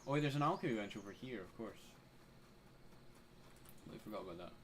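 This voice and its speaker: A man's voice: on the low side, expressive, fairly quick, a bit bright. A man doing casual gameplay commentary, muttering to himself and swearing freely. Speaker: gamer. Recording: clear game noise behind voice.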